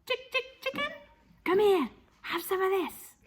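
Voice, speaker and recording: A woman voicing an eager, excited young boy who shouts and coaxes. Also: very high-pitched, a little slow, voice pushed up, heavily acted. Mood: coaxing.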